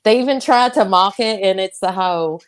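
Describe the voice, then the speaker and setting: A woman's voice: medium pitch, moderate pace, clear, resonant tone. A young woman with a Southern US accent, a wrestler chatting as a guest in a casual interview, laughing often and drawing out her words.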